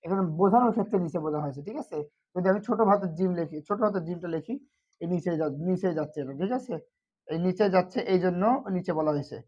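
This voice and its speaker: A Quran teacher walks viewers through Arabic letters in an online lesson. The teacher repeats each point, asks a quick question and then answers it, and keeps checking in. The sound is dull and lo-fi, with medium pitch. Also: a little mellow. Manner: patient, repetitive, asks and answers its own questions. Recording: dull lo-fi recording.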